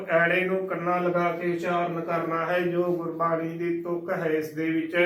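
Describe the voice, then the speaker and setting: A man's voice: high-pitched, a bit bright, far from the mic. A man teaching the correct pronunciation of scripture, spelling out each letter and vowel mark carefully. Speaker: Sikh religious teacher. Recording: roomy sound from off-mic.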